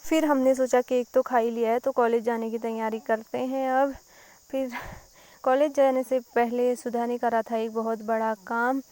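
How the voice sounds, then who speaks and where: A young woman from the Kumaon hills narrates her daily vlog in a chatty, giggly way. Her voice sits a little high but sounds mellow and warm. She tells the day's events as a casual voice-over. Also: flat delivery, normal speed, no echo. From Kumaon, Uttarakhand. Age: young adult. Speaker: vlogger.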